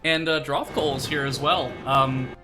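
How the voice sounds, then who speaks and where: Over music, a man with a slightly nasal, medium-pitched voice chats casually with a friend while they play a co-op shooter on stream. He speaks at a measured pace with fairly even intonation, often joking and laughing.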